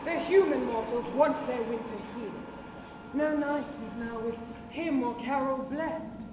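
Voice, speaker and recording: A scornful, proud fairy queen acted by a woman, declaimed in a hammy theatrical manner. The pitch is high and the delivery unhurried. The sound rings through a long, echoing hall. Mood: grave. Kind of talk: Shakespearean stage acting. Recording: echoey hall recording, clear noise.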